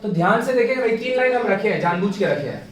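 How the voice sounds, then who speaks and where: A man's voice: sits high, lively intonation, quick pace, far from the mic. A man teaching a math lesson in a classroom, coaxing students with repeated questions. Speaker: math tutor. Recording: echoey room, voice from off mic.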